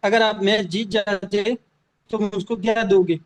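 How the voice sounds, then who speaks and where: A male student reads his practice sentence in class, slow and careful. His voice sits high for a man and sounds dry. He is heard from some distance, away from the mic. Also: steady tone, dry recording.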